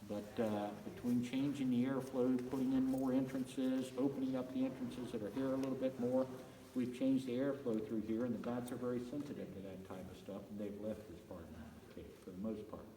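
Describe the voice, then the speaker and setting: A male tour guide tells the story of the place in an easygoing way, filling his pauses with "uh"s. His mellow voice comes from a few steps away from the mic. It rings with a roomy echo inside a large underground cave, and a faint hum sits underneath. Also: medium pitch, recorded from a distance. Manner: relaxed storytelling with filler "uh"s. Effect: echoing cave acoustics.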